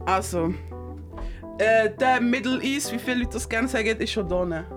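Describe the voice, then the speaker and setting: A young woman co-hosts a loose radio chat, talking in excitable bursts and often breaking into laughter. She mixes English slang into her speech. Music plays clearly behind her. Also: a little high, normal speed. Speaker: radio show co-host.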